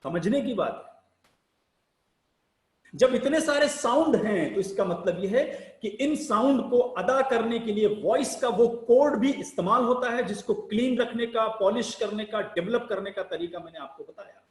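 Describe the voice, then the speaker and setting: A man teaching public speaking in a slow, deliberate lecture, asking rhetorical questions and spelling out sounds one by one. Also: high voice, animated, echoey room, low-quality recording. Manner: rhetorical questions, emphatic rises and sinking ends.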